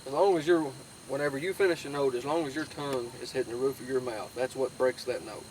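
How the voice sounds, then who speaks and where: Mid-pitched man co-teaching, slightly distant. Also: fast talker, a little mellow. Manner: brief, agreeable interjections. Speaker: co-instructor, experienced duck caller. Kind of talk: informal tutorial, casual chat. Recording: distant mic outdoors, faint background noise.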